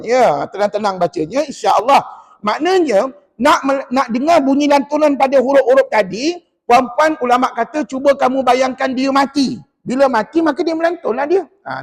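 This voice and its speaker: A man's voice: very high voice, brisk. A man with a Malaysian Malay accent teaching Quran recitation, quizzing his class and modelling each sound for them to repeat. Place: mosque hall. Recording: long mosque reverb.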